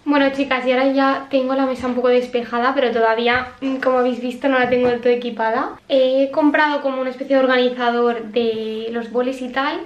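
A young woman from chats casually to camera in a home vlog, with plenty of fillers and asides to her viewers. Her voice sits a little high. The small home room around her sounds roomy and echoey. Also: steady tone, fast talker, few pauses, highs cut off, faint music behind. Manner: chatty, lots of fillers, talks straight to viewers. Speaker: vlogger.

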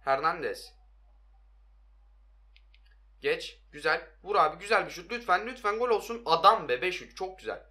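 Bright-voiced excitable young gamer, hoarse. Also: male voice, high voice, normal speed, long pauses. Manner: excitable, shouts at players, addresses viewers. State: hoarse from shouting. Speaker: mobile game streamer. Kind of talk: live gameplay commentary.

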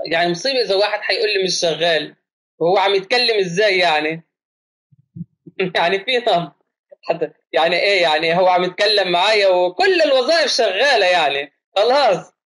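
Fast-talking high-voiced male trainer. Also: a bit bright. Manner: quizzes the class with questions; mixes dialect with formal Arabic. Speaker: first aid trainer. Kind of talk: online lecture.

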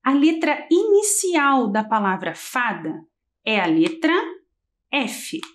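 Woman teacher, TV literacy lesson, sing-song, lively intonation, unhurried pace, stretched syllables. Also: a little high. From Brazil. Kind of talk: early-grade literacy lesson on TV.

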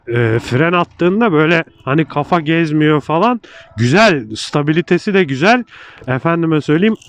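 A man giving casual, colloquial riding commentary as a motovlogger, speaking into a microphone inside his helmet while riding. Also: fairly high pitch. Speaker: motorcycle vlogger reviewing a bike. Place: outdoors, riding a motorcycle in traffic. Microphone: microphone inside a motorcycle helmet. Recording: clear engine and road noise. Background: motorcycle engine and traffic noise.

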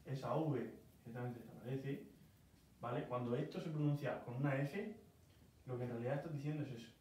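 A man's voice: medium pitch, brisk, darkish tone. Murcian man teaching in an echoey room. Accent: Murcian Spanish. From Murcia, Spain. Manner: patient, explains step by step with checking questions. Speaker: English teacher. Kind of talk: casual one-on-one pronunciation lesson. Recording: very echoey room, mic far off, faint noise.

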